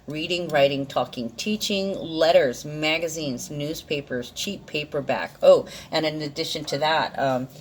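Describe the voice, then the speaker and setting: A woman's voice: sits low, measured pace, few pauses, a little hiss or hum. A woman giving a casual, rambling card and astrology reading, thinking aloud and correcting herself, her articulation slightly off from a dental problem. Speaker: tarot and astrology card reader.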